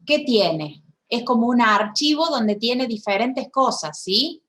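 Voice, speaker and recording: A woman who gives voice to a signed lecture in first person. She talks haltingly, with restarts and frequent checks for agreement. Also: fairly high pitch, lively intonation, fairly bright tone. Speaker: sign language voice interpreter.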